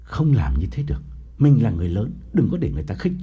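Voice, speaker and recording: A man's voice: fairly low pitch, huge pitch swings, quick pace, mellow, slightly rough, exaggerated voice. A man playing a blunt, stubborn older father who speaks firmly and straightforwardly. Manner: firm, straightforward insisting.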